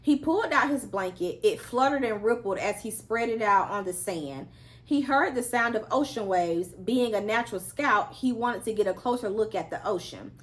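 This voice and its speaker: Higher-voiced woman reading a children's storybook. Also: moderate pace. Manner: expressive, acts out characters' lines. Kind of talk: storybook read-aloud for children.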